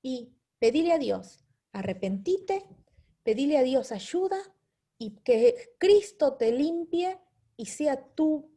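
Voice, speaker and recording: A woman's voice: sits high, lively intonation, takes it slowly, mellow. A woman teaching a Bible study lesson, explaining step by step and checking in with her listeners with a repeated "¿sí?".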